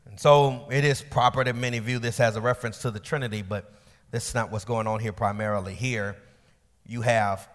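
Male pastor, dynamic sermon delivery, shouted climaxes and soft drops, reverberant sanctuary. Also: mid-range voice, steady tone, a little fast. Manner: preaching with rising shouted peaks and quiet drops; colloquial asides. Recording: long church hall reverb.

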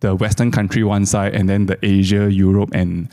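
Male co-host, lowish voice, casual explainer. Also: level tone, moderate pace, dark tone.

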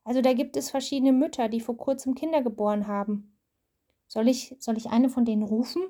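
A woman's voice: a little high, steady tone, brisk, warm tone, lightly acted. A woman voicing a shy, stammering little girl while reading a storybook aloud. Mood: hesitant. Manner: hesitant, stammering.

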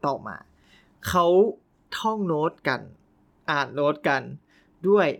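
A young man hosting a casual storytelling podcast, animated and often laughing. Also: fairly high pitch, slow. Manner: animated, laughing, playful exclamations. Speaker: podcast host.

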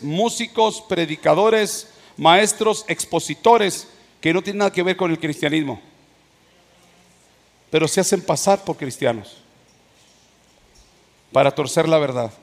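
A male pastor, preaching an emphatic sermon with sudden swings in loudness. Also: fairly high pitch. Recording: long hall reverb.

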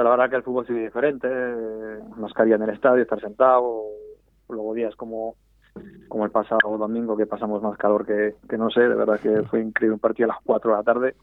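Heard over a tinny, dry landline phone line, a Spanish man with a medium-pitched voice calls in to a radio interview. He is president of a supporters' club federation and speaks hesitantly, frequently repeating and restarting words.

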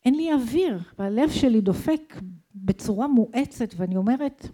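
Middle-aged woman from israel, telling her own story all emotional, highish warm voice. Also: lively intonation. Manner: emotional, intense, with rhetorical questions. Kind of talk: dramatic personal storytelling.

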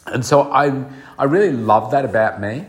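Speaking at a normal pace in a mid-range voice, a middle-aged man hosts his solo podcast, where he also works as a coach. His tone is earnest and reflective, peppered with many fillers, and he sounds stuffed up and nasal from a cold.

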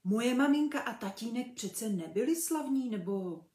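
A woman's voice: on the high side, expressive, mellow, roomy sound, natural voice. A woman reading aloud, voicing an eager, bewildered eleven-year-old boy asking hesitant questions.

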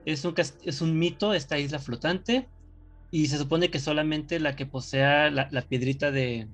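Male co-host, slightly high-pitched, chatty and joking. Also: normal speed. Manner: joking, rambling explainer. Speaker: podcast co-host. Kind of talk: casual chat.

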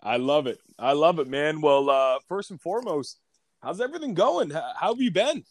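A man's voice: on the high side, animated, moderate pace, no room sound. A man chatting casually as a guest on a podcast. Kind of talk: casual chat.

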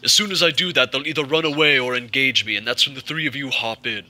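A man playing an earnest armored warrior in cursed armor, speaking in a measured, polite way in character. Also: mid-range voice, pushed and bright.

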